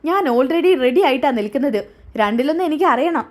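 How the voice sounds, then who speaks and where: A woman's voice: sits high, animated, brisk. Curt, defiant young wife, a narrator puts her on. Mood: sulky, defiant. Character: sulky, sharp-tongued young married woman.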